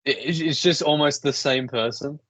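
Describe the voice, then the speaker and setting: A man's voice: mid-range voice, normal speed, a bit bright, slightly rough, dry recording, low-quality recording. A man co-hosting a podcast in casual chat, laughing often and restarting sentences, his voice run through a robot filter. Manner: giggly, hesitant, many restarts. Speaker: podcast co-host.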